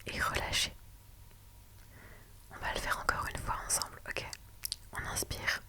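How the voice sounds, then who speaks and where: Bright whispering woman, soothing. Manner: soft, slow and soothing, with many "ok" and "d'accord". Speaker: lawyer in a client meeting roleplay. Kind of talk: whispered ASMR roleplay.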